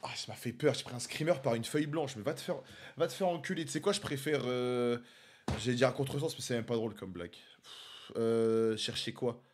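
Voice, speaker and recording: A man's voice: medium pitch, fast, slight background noise. A young adult man chatting casually on a live stream, rambling, swearing and jumping between thoughts.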